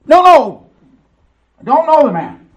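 A man voicing a frightened, boastful disciple who shouts his denials in a high, strained voice. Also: very animated, measured pace, heavily acted, poor audio. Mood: panicked.

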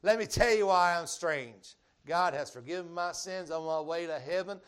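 A middle-aged male preacher speaks in a rural Georgia drawl, pitched a little high for a man. His evangelical delivery is folksy and plain-spoken, built on repetition and direct questions to his listeners. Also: normal speed, clean tone. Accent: Southern US, rural Georgia. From Georgia, United States. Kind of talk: evangelical sermon with altar call.

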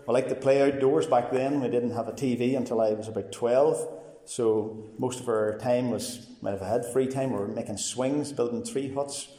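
A man in his forties with a Northern Irish accent, giving a personal testimony in a plain, earnest, halting way. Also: medium pitch, mellow. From Northern Ireland. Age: 40s. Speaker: testifying church member. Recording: echoey hall with long reverb.

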